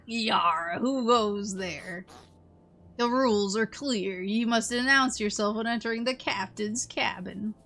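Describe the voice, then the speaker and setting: A woman's voice: medium pitch, slow, fairly bright tone. A vain, blustering pirate captain from a video game, put on by a woman, speaks in theatrical sea-dog talk full of bluster. Music plays behind the voice. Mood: blustering, suspicious. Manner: theatrical pirate speech with "yar" and "arg". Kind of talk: reading video game dialogue aloud in character.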